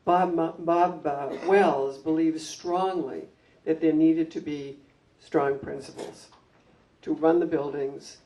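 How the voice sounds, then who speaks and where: Gravelly older woman speaking from a distance. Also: low-pitched, fairly even intonation, dark tone, a little hiss or hum. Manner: anecdotal, measured, with frequent ums. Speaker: former school principal. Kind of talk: reminiscing talk at a community gathering. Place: library meeting room. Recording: distant mic.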